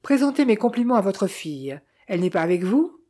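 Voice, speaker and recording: A woman reading the part of an elderly woman doctor who speaks with courteous, measured insistence. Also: mid-range voice, sing-song, dark tone.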